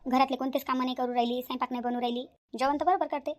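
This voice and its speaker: A woman's voice: high-pitched, steady tone, rapid-fire, close to an everyday voice. A woman voicing a bossy, grumbling older village mother-in-law in a cartoon, speaking shrilly. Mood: fuming. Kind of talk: cartoon voice acting.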